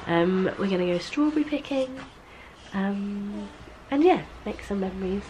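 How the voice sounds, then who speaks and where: A young woman chatting casually in a vlog, her voice croaky and bunged up from a cold. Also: mid-range voice, expressive, normal speed, slight background noise, low-quality recording. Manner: chatty, softly sing-song baby talk. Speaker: vlogger. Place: outdoors, walking along a road. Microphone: handheld camera.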